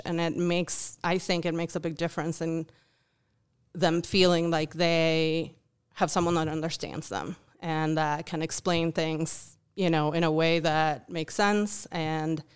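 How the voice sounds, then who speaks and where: A Uruguayan woman whose native language is Spanish speaks English with a Uruguayan Spanish accent, her voice lowish and smooth. She's a food bank volunteer appearing as a guest on a podcast interview, answering thoughtfully with lots of ums and restarts.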